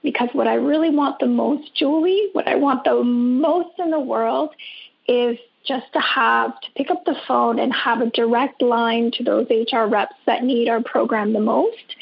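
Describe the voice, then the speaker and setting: A woman's voice: fairly high pitch, gravelly, husky. A woman from Canada calling into a radio show over a phone line, asking an earnest, rambling question. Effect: caller heard over a phone line into a radio show. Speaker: caller. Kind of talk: call-in question to a radio host.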